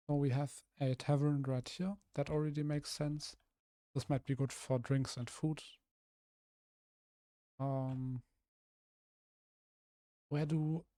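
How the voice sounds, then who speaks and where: Thinking out loud during a casual building live-stream, a young man from Germany keeps drifting off and starting over as he describes his plans. His mid-range voice sounds rough, a little hoarse, yet mellow and warm, recorded dry and close with no room sound.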